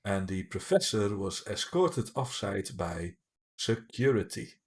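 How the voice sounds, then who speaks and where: A man's voice: lowish voice, big pitch swings. Joking man with a Dutch accent. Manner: jokey, teasing, quick asides. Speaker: library livestream co-host. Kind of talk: casual chat.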